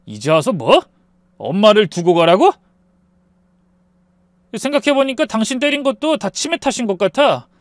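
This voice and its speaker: A man voicing a falsely gentle husband who turns snarling and threatening in a story narration. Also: medium pitch, very animated, normal speed, pauses often, no room sound, voice pushed up, lightly acted. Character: smooth-talking abusive husband turned threatening.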